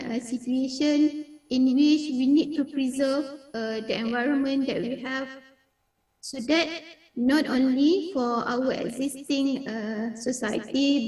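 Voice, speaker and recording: A woman from Malaysia opening her academic conference talk over a video call, pausing often with fillers. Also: high-pitched, a little mellow. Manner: slow, hesitant, many fillers. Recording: echoey room, far from mic.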